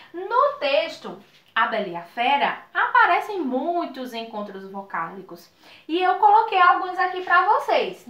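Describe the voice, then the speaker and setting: A Brazilian woman teacher with a high, bright voice gives a slow video lesson to children. Her pitch rises and falls in a lively sing-song as she stretches out each example word. The room around her is echoey.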